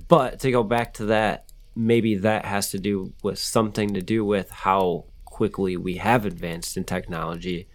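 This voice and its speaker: A man's voice: fairly low pitch, steady tone, normal speed, few pauses. A man co-hosting a casual podcast, reasoning aloud and speculating in a conversational way. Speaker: podcast co-host. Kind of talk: casual chat.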